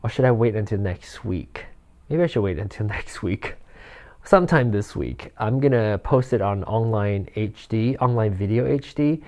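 On a handheld or desk microphone with audible rustle, a podcast host in his forties talks alone at a normal speed. His voice is fairly low, dark and expressive, and his delivery is casual and rambling, with fillers, restarts and regular chuckles.

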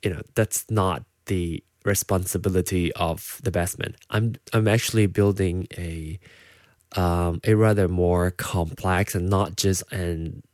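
A podcast host with a Malaysian English accent that leans partly American chats casually on his own, rambling through his thoughts with lots of ums and restarts. His voice is deep, low and a little mellow, with fairly even intonation and a measured pace. The recording is close and dry.

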